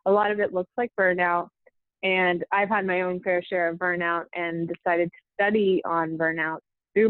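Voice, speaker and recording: A young woman from California, a therapist guest in a podcast interview, speaking thoughtfully with frequent pauses. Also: lowish voice, no echo. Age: young adult. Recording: dry phone-like remote line.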